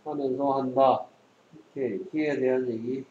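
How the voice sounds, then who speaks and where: A man's voice: mid-range voice, fairly even intonation, measured pace, mellow, a little hiss or hum. Guy tutor drilling english sentences, blunt teasing, kinda muffled roomy recording. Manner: teasing, quizzing, blunt slang. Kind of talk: casual one-on-one English lesson.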